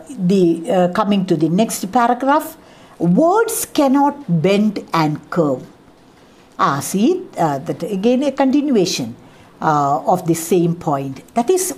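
Slow, lively-pitched Indian woman lecturing. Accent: Indian English, Kerala. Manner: explains with repeated examples, frequent "ah, see" and "uh" fillers. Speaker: college English lecturer. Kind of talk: classroom lecture.

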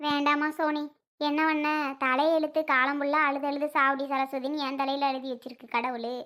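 Older mother-in-law, weeping and remorseful, high thin voice, a woman acting her. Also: flat delivery, moderate pace. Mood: tearful. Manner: sorrowful, regretful, soft and low. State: crying. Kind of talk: family skit acting.

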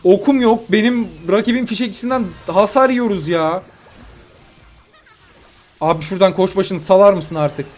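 A young man giving live commentary on his own mobile game matches, excitable and quick to vent frustration at his opponents. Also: sits high. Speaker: gaming YouTuber. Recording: faint music behind.

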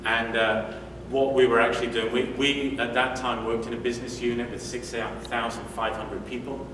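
A man from the UK in his forties presents at a conference in a medium-sized hotel meeting room, his mid-range voice moving little in pitch at a moderate pace. He's conversational, with frequent fillers and restarts. A room mic at a distance makes the recording noisy and echoey.

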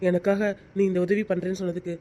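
A woman voicing a meek, grateful young man in a cartoon, soft-spoken and hurried. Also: fairly low pitch, level tone, close to an everyday voice. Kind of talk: cartoon voice acting.

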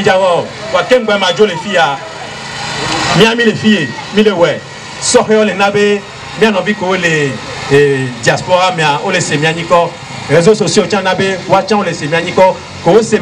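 Togolese man, middle-aged, emphatic rally speaker, high-pitched, handheld mic in clear outdoor noise. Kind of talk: political speech to an open-air crowd. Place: open-air rally stage. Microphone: handheld microphone. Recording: noisy outdoor rally sound.

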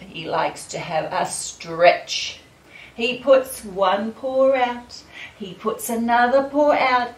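A woman leading a children's dance class, talking to young kids in a slow, sing-song, encouraging way. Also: fairly high pitch. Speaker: children's dance and gym teacher. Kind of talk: leading a kids' movement class. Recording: echoey room, voice from far off, faint music.

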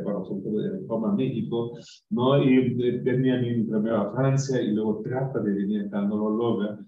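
A man speaks unscripted at a university book presentation, wandering between points and checking in with tag questions. His voice is dark and mellow. It is picked up from a distance in a roomy space, and the live-stream audio sounds dull. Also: mid-range voice. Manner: digressive, frequent tag questions and restarts. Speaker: book presenter at an academic conference. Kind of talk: spontaneous academic talk. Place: university venue.

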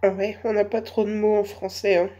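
A woman with a cold and a hoarse voice, chatting slowly and hesitantly through a shopping haul. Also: mid-range voice, little pitch movement, warm tone. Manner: hesitant, many fillers, slow and chatty. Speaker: vlogger. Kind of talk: casual shopping haul vlog.

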